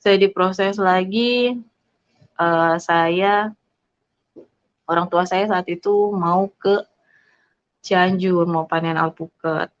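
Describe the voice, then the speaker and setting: A woman's voice: fairly low pitch, steady tone. Earnest woman giving a lo-fi testimony. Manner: earnest, halting, with many fillers. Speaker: testimony speaker. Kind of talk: personal faith testimony. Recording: dull lo-fi sound.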